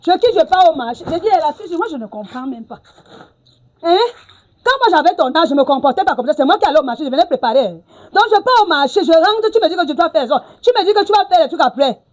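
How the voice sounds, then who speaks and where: A woman's voice: high-pitched, expressive, fast talker, darkish tone. An actress playing a middle-aged mother who scolds her daughter, repeating herself with "hein" and "ah bon". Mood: scolding. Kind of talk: film drama acting.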